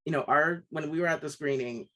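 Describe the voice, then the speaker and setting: A man co-hosting a casual film review podcast, animated and quick to act out his own reactions. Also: fairly high pitch, poor audio. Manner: animated, puts on voices when quoting himself.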